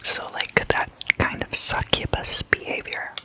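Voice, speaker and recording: With nothing but a whisper, an ASMR host gives easygoing explanations, keeping each phrase short, deliberate, and hushed.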